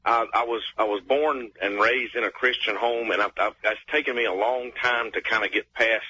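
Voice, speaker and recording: A man from North Carolina calling in to a talk show over a clipped phone line. He speaks politely and haltingly, searching for his words. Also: lowish voice, steady tone, bright, forceful tone, husky. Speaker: caller. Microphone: telephone. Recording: dull phone line with faint hiss.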